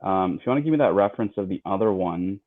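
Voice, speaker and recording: A low-voiced man chats in a loose, easygoing way as he co-hosts a livestream, repeating himself and filling gaps with ums. His voice comes through a thin, phone-like line. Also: fast talker. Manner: relaxed, chatty, many fillers and repeats. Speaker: livestream co-host. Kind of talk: casual livestream chat.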